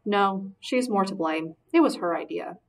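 Woman reading as a gentle, reassuring father. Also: mid-range voice, moderate pace, gravelly. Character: gentle loving middle-aged father. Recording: voice distant from mic.

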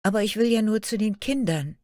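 Woman voicing a timid young girl, high and earnest. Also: moderate pace, warm tone, no room sound, clean studio sound, natural voice. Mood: pleading. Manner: pleading and eager, higher voice. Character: shy, timid young girl, the fairy tale.

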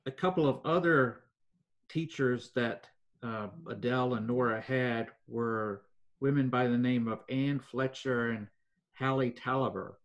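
An older man, telling local history in an interview at an even pace with many fillers. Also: mid-range voice, muffled recording. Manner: measured storytelling with frequent fillers. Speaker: foundation president, guest.

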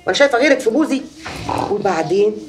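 In a comedy series, an actress with an Egyptian accent plays a boastful, gossipy middle-aged mother recounting her many marriages. Her fairly high, animated voice races along, picked up by a distant mic, and her lightly acted delivery is chatty and gossiping, full of dramatic exclamations.

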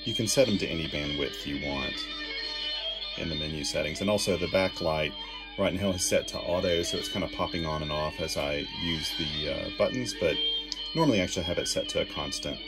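A man with a rumbling low voice gives a brisk, casual hands-on demo of his radio gear as a hobbyist. He's indoors at a desk, with shortwave radio music and sound in the background.

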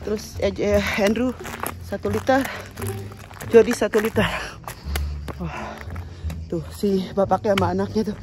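A travel vlogger in her thirties hikes a mountain trail outdoors, chatting casually to her phone camera held at arm's length, switching between two languages and a bit out of breath from the climb. Her medium-pitched voice is steady and measured. This phone video has background noise and music playing underneath.

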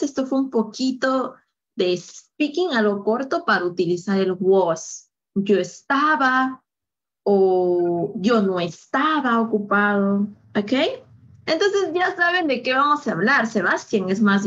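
A woman's voice: medium pitch, muffled recording. A woman teaching a live online English lesson, upbeat and full of praise, switching between Spanish and English.

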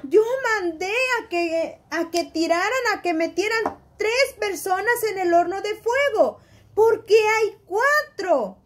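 A furious, bossy old king barks orders in a high, raised storybook voice, as a woman puts him on for children. He commands loudly and drags out his demands. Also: slow pace. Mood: demanding. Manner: loud, commanding, cries out orders.

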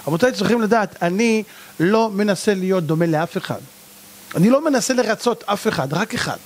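A man giving a rabbi's sermon, scolding and mocking his listeners with a stream of blunt rhetorical questions. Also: high-pitched. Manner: animated, hammering rhetorical questions. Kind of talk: sermon to a live audience.

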